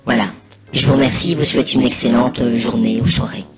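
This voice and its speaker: A man giving a casual, improvised mock commentary over video, rambling hesitantly and pausing mid-sentence. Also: mid-range voice, steady tone. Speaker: narrator of a spoof anonymous behind-the-scenes testimony. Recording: voice over loud music. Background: loud music.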